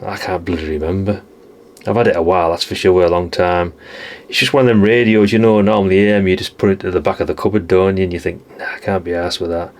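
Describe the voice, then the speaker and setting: A British radio hobbyist presents a video in casual, rambling vlog chat, his voice low-pitched and creaky. He muses unhurriedly, often using tag questions and correcting himself.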